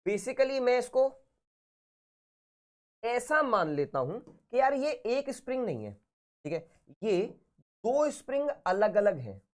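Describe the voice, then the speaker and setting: A man with a sore, hoarse throat teaching physics in a casual, chatty live online class. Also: very high voice, big pitch swings, slow, pauses often, a little mellow. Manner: casual, chatty, talks to students informally.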